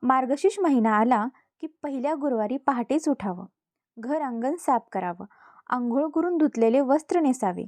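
A woman's voice: on the high side, warm tone, no room sound. A woman voicing an earnest old wise woman. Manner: earnest, pleading, instructive. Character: wise, patient old woman, a disguised goddess.

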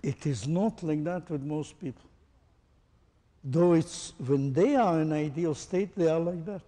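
A man's voice: on the high side, measured pace, warm tone, in a large hall. A man teaching a group, asking pointed questions and demonstrating with his own body. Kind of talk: interactive lecture to a group.

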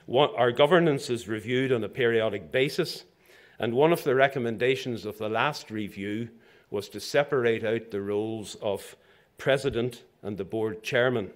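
Standing at a lecture hall lectern, an elderly man from Zambia gives his prepared inaugural speech as the new president of a professional institution. He speaks at a medium pitch, measured and formal, slipping in dry asides.

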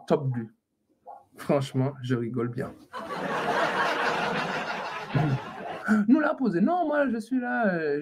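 A man's voice: on the high side, husky. A man hosting a casual live stream, teasing and scolding his viewers and laughing often. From French Antilles.

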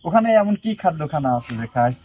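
A male folk healer interrogates and threatens in a stern, commanding tone. He talks quickly in a somewhat high voice. Faint noise sits under the recording. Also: expressive, mellow. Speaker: folk healer conducting an exorcism. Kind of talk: possession session.

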